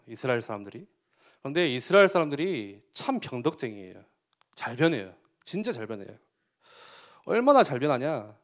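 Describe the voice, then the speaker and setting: A man giving a youth sermon, asking the listeners questions and acting out quotes with sudden loud bursts. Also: mid-range voice. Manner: animated, asks the listeners questions. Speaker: youth pastor.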